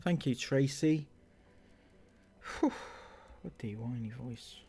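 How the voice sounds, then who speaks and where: This commentary channel host has a medium-pitched, slightly mellow, husky voice. He reads viewer comments aloud and mocks them, laughing often and dripping sarcasm in a drawn-out delivery.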